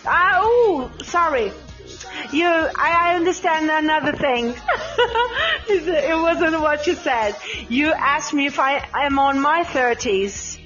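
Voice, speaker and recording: A woman's voice: high voice, takes it slowly, a bit bright, dull audio, soft background music. A woman in her late thirties whose native language is Portuguese, hosting a casual live podcast chat and talking hesitantly with many ums and restarts. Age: 30s. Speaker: podcast host.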